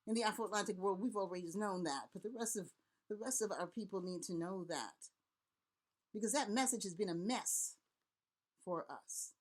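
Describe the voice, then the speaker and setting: A middle-aged Haitian woman, a Vodou priest and elder, speaks in a mid-range voice at normal speed. Her address to camera is impassioned, earnest and rallying, full of repeated words and long lists.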